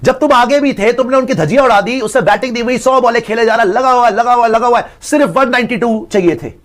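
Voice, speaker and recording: A man's voice: very high voice, fast talker, fairly bright tone. A man giving a blunt cricket reaction, firing rhetorical questions and mixing Hindi and English. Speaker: cricket commentator. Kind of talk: casual cricket reaction chat.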